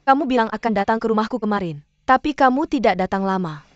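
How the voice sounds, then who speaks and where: A woman's voice: a little high, expressive, quick pace, no room sound, close to an everyday voice. A woman dubbing a worried young woman who keeps pressing her close friend with questions. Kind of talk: drama dub. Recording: dull dry studio dub, faint music.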